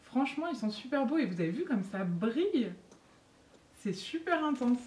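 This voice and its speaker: A woman chatting excitedly and giggling as she unboxes makeup for her beauty vlog. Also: fairly high pitch, moderate pace. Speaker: beauty vlogger. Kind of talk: casual unboxing chat. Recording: echoey room, faint noise.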